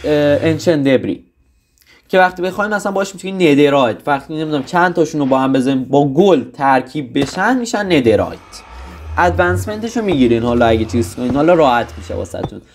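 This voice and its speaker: A man's voice: on the high side, expressive. A young man casually explaining a video game in a rambling tutorial, with restarts and joking asides. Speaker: gaming tutorial host.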